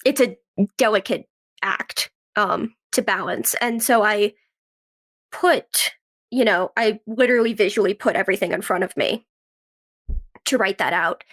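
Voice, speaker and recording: In a casual podcast interview, a female guest who writes and acts talks informally and reflectively, using anecdotes to explain things. She speaks a little slowly in a mid-range, somewhat bright voice.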